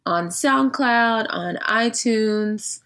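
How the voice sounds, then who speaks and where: A woman's voice: a little high, extremely slow, a bit bright. Upbeat young woman podcast host. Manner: upbeat, chatty, slangy. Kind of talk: casual chat.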